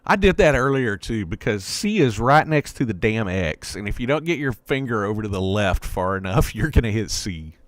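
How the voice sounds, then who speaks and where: A man's voice: fairly low pitch, normal speed, hardly any pauses, dry recording. A man in a casual horror podcast chat, his voice rising and falling a lot. The sound is close and dry, with no room in it, and he keeps the talk moving with jokes. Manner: animated, joking, steers the show. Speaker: podcast co-host.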